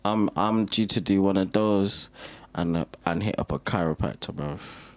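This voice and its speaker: A young man with a fairly low voice and a London roadman accent. He banters casually, peppers everything with street slang and repeats phrases to drive a point home. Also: moderate pace. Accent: London, urban roadman slang. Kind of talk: casual banter between friends.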